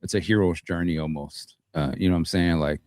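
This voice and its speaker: A man's voice: sits low, steady tone, fairly quick, a little mellow, dry recording, studio quality. A man on an online music talk panel, talking in a laid-back, rambling way with easy laughs. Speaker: co-host panelist. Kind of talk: casual podcast chat.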